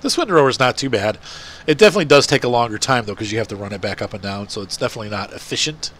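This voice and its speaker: A middle-aged man with a stuffy nose talks rapid-fire in a mid-range, slightly bright voice. Hosting his gaming channel, he gives casual farming-game commentary that rambles and is full of fillers.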